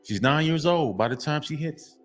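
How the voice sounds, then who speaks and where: A man's voice: on the high side, expressive, moderate pace, music in the background. Earnest man preaching to fathers. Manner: emphatic, repetitive, restarts often, preachy. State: tearful at times. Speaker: vlogger addressing fathers. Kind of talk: heartfelt motivational monologue.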